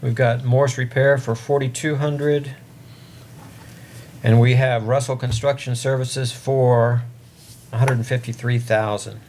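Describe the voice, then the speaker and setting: A man's voice: mid-range voice, little pitch movement, measured pace, a little mellow. A man chairing a board meeting in formal procedural language, speaking up to carry across a meeting room. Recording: noisy meeting room audio with ambience.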